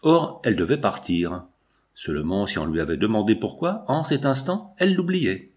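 A man reading a literary novel aloud in a measured, expressive way. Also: on the low side. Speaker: audiobook reader. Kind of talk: literary narration.

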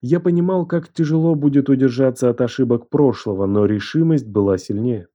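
A man narrating a first-person audiobook in a measured, even storytelling manner. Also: medium pitch, muffled recording.

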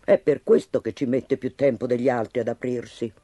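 A man's voice: medium pitch, steady tone, moderate pace, mellow, no echo, voice pushed down, close to an everyday voice. A man voicing a worried, protective mother duck in a storybook tale, with fretful exclamations. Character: fussing worried mother duck, female adult.

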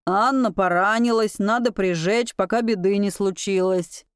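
A woman's voice: mid-range voice, a little slow, clean tone, no room sound, clean studio sound, lightly acted. A woman voicing a stern, burly older kitchen woman who speaks curtly.

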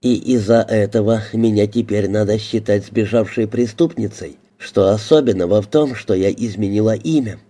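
A defiant woman with a hidden past throws back sharp, defensive retorts, as a male audiobook reader voices her. The tone stays dark and mellow. It sits on the low side. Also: moderate pace, few pauses, natural voice.

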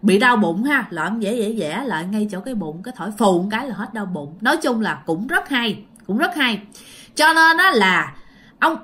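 A woman tells a ghost story casually, speaking straight to her listeners. Her voice is fairly high and very lively, rising and falling with the tale. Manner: animated, addresses listeners directly.

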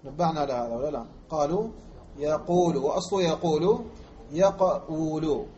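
A man from Algeria teaching Arabic morphology as a lecture, repeating example words slowly and quizzing his listeners. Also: fairly high pitch, expressive, mellow, slight background noise. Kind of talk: classroom lecture explaining grammar. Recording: muffled lo-fi recording.

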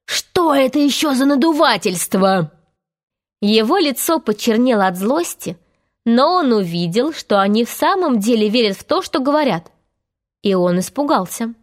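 A woman narrating a storybook in a calm, measured reading voice. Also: a little high.

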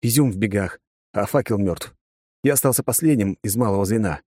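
A man's voice: on the low side, brisk, dark tone, breathy edge, no room sound, voice pushed up. A man voicing a stubborn, guilt-ridden young soldier in a clipped, tense way.

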